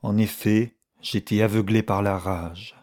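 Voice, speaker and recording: A man voicing a bitter, jealous middle-aged woman in an audiobook reading, with a sharp, mocking manner that flares into outbursts. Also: on the low side, steady tone, measured pace, natural voice. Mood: stunned.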